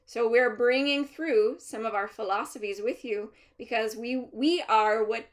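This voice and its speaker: A woman speaking as a trance medium, channeling a collective of master healer spirits in a deliberate, formal, instructive manner with pauses. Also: fairly high pitch, lightly acted. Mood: calm, instructive. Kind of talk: seance medium channeling, unscripted spiritual teaching.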